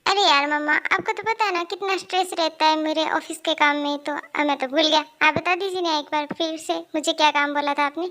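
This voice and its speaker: A woman's voice: sits high, steady tone, brisk, hardly any pauses, a bit bright. A woman voicing a young male company boss who is bossy at work and whiny and babyish with his mother. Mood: pleading.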